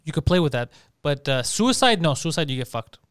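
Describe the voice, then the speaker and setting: A man in his thirties, chatting casually on a podcast, profane and animated. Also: a little high, brisk, clean tone, dry recording, clean studio sound. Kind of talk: casual chat.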